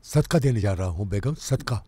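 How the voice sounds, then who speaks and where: A man dubbing a gentle but stubborn father who pleads with a child and evades his wife. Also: on the low side, animated, moderate pace, breathy edge, dry recording. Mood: evasive. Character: secretive middle-aged father, gentle yet stubborn. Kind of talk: Urdu film dubbing. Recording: music playing behind. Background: music.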